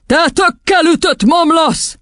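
A man's voice: very high-pitched, fairly bright tone, no echo, clean studio sound, pitched above the performer's own voice. A man playing a roaring tyrannical headmistress. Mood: bellowing. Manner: roaring, insulting, threatening. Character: brutal bellowing headmistress, huge and tyrannical. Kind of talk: audiobook reading.

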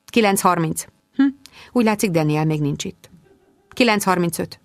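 A woman narrating a comic first-person diary in an expressive, animated way. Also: lowish voice, no echo, clean studio sound. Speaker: audiobook reader.

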